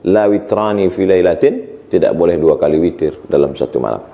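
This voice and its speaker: Male preacher, low mellow voice, lively lecturing style, Arabic recitation mixed in, answers his own questions. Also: brisk, vocal fry. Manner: animated, asks rhetorical questions and answers them himself; recites Arabic verses then translates them. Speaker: Islamic preacher. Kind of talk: religious lecture.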